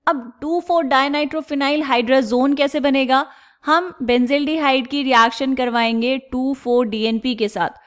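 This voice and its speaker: A woman teaching chemistry step by step, asking questions and answering them herself, and drawing out technical terms slowly. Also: high-pitched, steady tone, a bit bright. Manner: asks the class questions and answers them herself, calls students "beta"; slows down and stretches out technical terms. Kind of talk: explaining step by step on a board.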